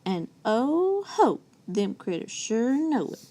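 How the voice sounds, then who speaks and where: Slow, gravelly woman reading a picture book. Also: a little high, sing-song, warm tone. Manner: slow, playful, folksy storytelling with questions to young listeners. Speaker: storyteller. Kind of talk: children's picture-book read-aloud.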